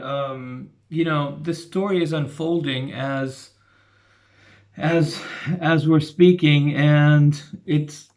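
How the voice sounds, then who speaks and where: A middle-aged man talking through a casual video commentary, halting and restarting often. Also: mid-range voice. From grew up between the United States and Argentina. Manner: halting, many restarts and fillers. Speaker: channel host giving commentary.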